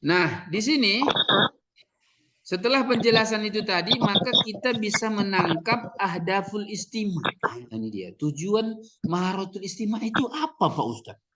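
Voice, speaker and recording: A man's voice: high voice, animated, moderate pace, sharp tone. A man training teachers in a lecture, explaining step by step and answering his own questions, with Arabic terms in an Indonesian accent. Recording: audience or crowd noise behind.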